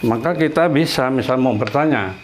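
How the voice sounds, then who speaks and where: A man of middle pitch teaches a relaxed beginner language class and takes his time. He repeats each example slowly, pausing as he writes. A faint hiss sits under the recording. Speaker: Spanish teacher. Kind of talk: casual whiteboard lesson.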